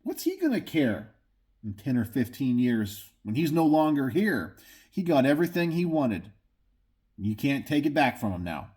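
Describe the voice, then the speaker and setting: A man's voice: mid-range voice, sing-song, moderate pace, darkish tone. An American man hosting a video channel, giving opinionated commentary to his viewers in an emphatic way, often repeating phrases for effect. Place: garage.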